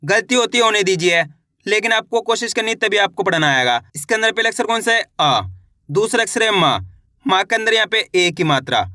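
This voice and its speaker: A man's voice: high-pitched, animated, brisk, bright, forceful tone, no room sound, studio quality. A man teaching a reading lesson, sounding out each word one syllable at a time and then blending it, in a patient and encouraging way.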